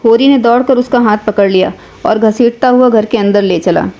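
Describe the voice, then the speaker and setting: A woman's voice: on the high side, normal speed, mellow. A woman storyteller reading a classic novel aloud in an earnest, dramatic way.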